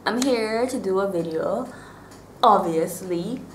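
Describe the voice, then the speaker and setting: A woman's voice: medium pitch, slow pace. A woman in her twenties with a Barbadian accent, chatting casually to the camera as a vlogger. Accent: Bajan (Barbadian). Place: small bare-walled room indoors. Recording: roomy echo, faint background noise.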